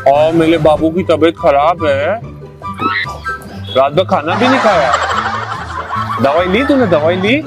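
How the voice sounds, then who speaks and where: A man's voice: a little high, unhurried, long pauses, loud music behind the voice. A young man pranking strangers in a park, cooing sweet baby talk to a supposed girlfriend on a video call and turning coaxing and sheepish with the people beside him. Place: outdoor park bench.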